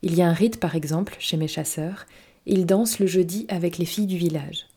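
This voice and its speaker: A woman voicing a wise, gentle male fox in a storybook reading, speaking softly and reflectively. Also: on the low side, fairly quick, breathy edge. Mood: tender.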